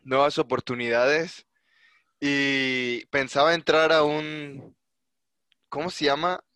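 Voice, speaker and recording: A man's voice: on the high side, flat delivery, measured pace, sharp tone, smooth, no room sound. A man from Mexico with a Mexican accent, co-hosting a casual podcast, slangy and saying bro a lot. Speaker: podcast co-host. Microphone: remote call.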